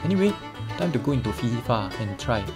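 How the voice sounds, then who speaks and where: Casting: man, twenties, Singaporean accent, lower-pitched to mid voice, exclamatory self-talk for a casual gaming vlog, music behind. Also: very animated, brisk. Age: 20s. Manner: exclamatory, talking to himself with colloquial particles. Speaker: vlogger. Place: small bedroom, indoors.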